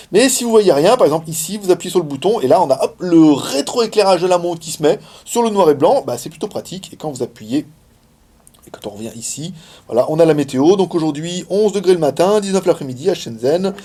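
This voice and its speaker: A man's voice: on the high side, animated, a little fast, mellow. A man giving a casual, chatty hands-on demo of a gadget, with many fillers and laughs. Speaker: tech reviewer. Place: indoors, filming in China.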